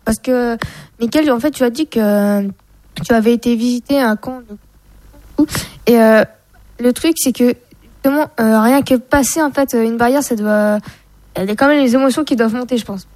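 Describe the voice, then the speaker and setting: A woman speaks in a casual discussion with a somewhat high voice, recorded dry and close. She hesitates often, filling pauses as she looks for words. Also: a little mellow, no room sound. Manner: hesitant, many fillers.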